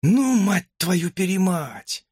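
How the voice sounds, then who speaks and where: A man voicing a crude, excitable teenage boy, squealing in a loud falsetto. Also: slow pace, slightly rough, no room sound, clean studio sound, exaggerated voice. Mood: excited. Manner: shrill falsetto, loud and boisterous.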